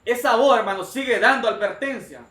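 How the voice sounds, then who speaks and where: A male preacher delivering an emphatic, repetitive sermon and often addressing his listeners as brother. His voice sits high, and it rings through an echoey room. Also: a little fast, pushed and bright.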